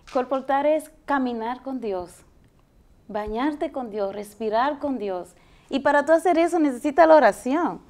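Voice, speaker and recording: Earnest woman telling her testimony. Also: high-pitched. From Dominican Republic. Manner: earnest, animated storytelling with hesitations. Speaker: guest. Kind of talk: TV interview testimony. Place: TV studio set, indoors. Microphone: lapel mic.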